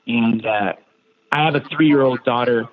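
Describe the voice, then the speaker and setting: A man's voice: mid-range voice, a little slow, a little hiss or hum. An American man, a voice actor, giving an upbeat, friendly phone interview with eager energy. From United States. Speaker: voice actor guest. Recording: tinny phone line.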